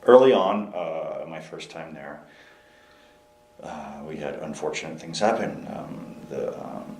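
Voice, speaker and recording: A young man with an extremely low voice speaks in a candid interview. He is earnest and reflective but halting, full of restarts. The room sounds echoey, with a faint hum behind him. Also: darkish tone. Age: young adult. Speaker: interview guest, military veteran.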